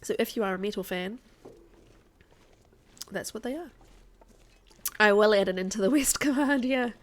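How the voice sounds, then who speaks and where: Casting: female game streamer with a light New Zealand accent, medium pitch, informal and talkative livestream delivery. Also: normal speed, slight background noise. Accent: mild New Zealand. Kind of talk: casual livestream chat over gameplay.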